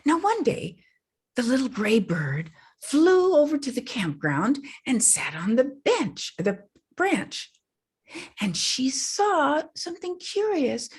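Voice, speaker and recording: An older woman storyteller performing a folktale with dramatic, hushed whispers and slow emphasis. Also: high-pitched, big pitch swings, breathy edge. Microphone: stage mic.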